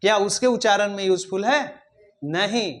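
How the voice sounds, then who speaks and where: High-voiced male teacher quizzing students. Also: normal speed, fairly bright tone. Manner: drills students with repeated questions, urging them to answer. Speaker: English teacher. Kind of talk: classroom grammar lesson.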